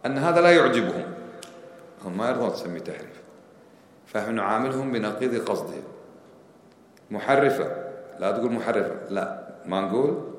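A man's voice: mid-range voice, slight background noise. A man giving a religious lesson. He explains step by step, counts off his points and quizzes his listeners with rhetorical questions. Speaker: religious teacher. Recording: echoey hall with long reverb, faint background ambience.

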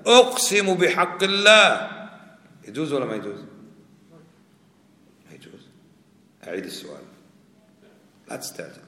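A man's voice: a little high, pushed and bright. A man teaching a religious lesson, quizzing his students with questions he repeats. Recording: echoey hall.

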